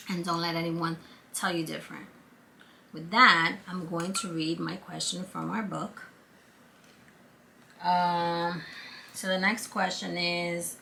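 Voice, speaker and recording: A woman's voice: fairly low pitch, vocal fry, fairly bright tone, a little hiss or hum. A woman with a Brooklyn accent chatting casually and encouragingly to viewers in an earnest, conversational motivational vlog. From born in Guatemala, lived in Brooklyn, New York for many years. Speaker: vlog host, former counselor.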